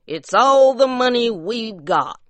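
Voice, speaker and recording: A mournful, worn-down poor mountain husband, as a woman reading a storybook puts him on. He speaks slowly in plain rustic backwoods talk, with a slightly raised, lively voice. The sound is dry and close. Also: on the high side, no echo, pitched above the performer's own voice. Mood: glum.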